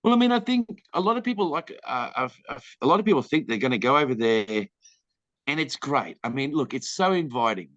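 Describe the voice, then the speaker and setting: A man's voice: medium pitch, lively intonation, a little fast, fairly bright tone, no room sound. An Australian man, a film director, answering interview questions in a candid, rambling way and acting out the people in his stories. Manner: candid, rambling storyteller who acts out quoted people. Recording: dull lo-fi dry recording.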